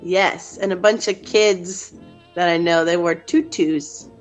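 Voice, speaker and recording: Slow, giggly woman in her thirties. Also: on the low side, fairly even intonation, soft background music. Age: 30s. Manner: giggly, hesitant. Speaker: podcast co-host. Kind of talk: casual comedic chat.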